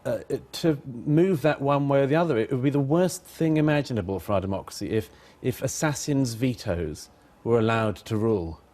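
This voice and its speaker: A man's voice: mid-range voice, normal speed, few pauses, darkish tone. A man giving political commentary as a studio guest, arguing firmly and emphatically. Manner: firm, emphatic argument.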